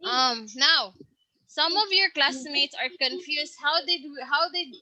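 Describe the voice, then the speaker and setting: A woman teacher with a high, very bright voice runs a science review at an unhurried pace. She reads each question and its answer choices aloud, then patiently checks her students' answers. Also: rough recording. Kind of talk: online science review lesson.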